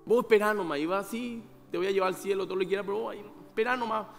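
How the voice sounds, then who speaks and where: A man with a high voice delivers a sermon in a chatty, personal style. He acts out little exchanges of dialogue and keeps asking his listeners questions. He sounds like he is in a hall with long reverb. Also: rapid-fire, vocal fry, soft background music. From Paraguay. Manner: conversational preaching with rhetorical questions and acted-out dialogue. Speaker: pastor. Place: church hall.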